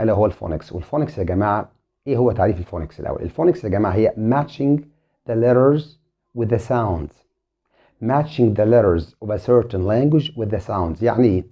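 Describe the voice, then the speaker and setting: Egyptian man, english teacher, addresses viewers politely as a group, husky voice, dull lo-fi sound. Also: lowish voice. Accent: Egyptian Arabic. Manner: spells letters aloud, repeating each twice. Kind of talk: online lesson. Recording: muffled lo-fi sound.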